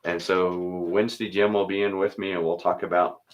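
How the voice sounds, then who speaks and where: A man's voice: low-pitched, level tone, fairly quick. A man who is a pastor, chatting casually and thinking aloud, then leading a spoken prayer. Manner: easygoing, thinks aloud, chuckles between thoughts.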